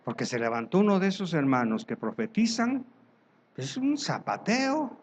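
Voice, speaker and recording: Lively, animated pastor preaching. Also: male voice, high voice, normal speed, highs cut off. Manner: animated, acts out church members' voices in his stories. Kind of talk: sermon. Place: church.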